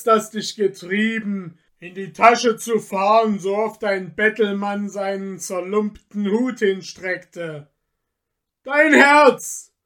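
Booming and scornful, this giant forest spirit of a storybook taunts with heavy, slow emphasis, as a man puts him on. The voice sits fairly high and drawn out, every jab leaned into hard. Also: a bit bright. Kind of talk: dramatized storybook reading.

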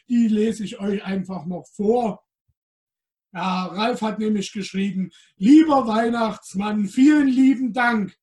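A man appearing as Santa Claus, reading a storybook aloud to children and talking to them directly. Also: sits high. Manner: addresses children directly, slow and gentle.

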